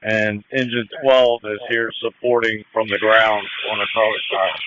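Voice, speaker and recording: Male firefighter reporting over two-way radio. Forceful, bright tone through a dull channel with faint noise. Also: on the low side, level tone, normal speed. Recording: noisy, muffled firefighter radio transmission.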